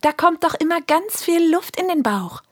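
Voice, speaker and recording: A woman voicing a lively little girl who cheerfully explains things to her friends. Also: extremely high pitch, moderate pace, no room sound, clean studio sound, pitched above the performer's own voice. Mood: explaining.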